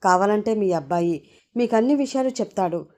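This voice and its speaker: A woman's voice: mid-range voice, expressive, brisk, dark tone, natural voice. A woman voicing a tough young man, a gangster hero who speaks with cold menace. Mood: stern.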